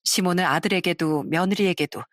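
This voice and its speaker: A woman's voice: fairly low pitch, fairly quick, fairly bright tone, dry recording, clean studio sound. A woman narrating a story in a conversational, recounting manner.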